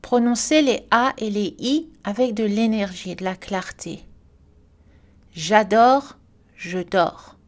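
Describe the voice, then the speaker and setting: A woman reading a scripted French pronunciation lesson, speaking carefully and clearly and slowing down for example words. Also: on the high side, a little mellow. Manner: careful, clearly articulated delivery with slow model words.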